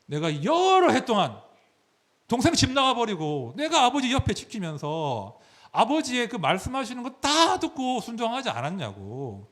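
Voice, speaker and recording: A male pastor voicing a resentful elder son who rails at his father. His pitch leaps and drops as he piles up complaints. The tone is raised and accusing. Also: a bit bright. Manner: indignant, accusing.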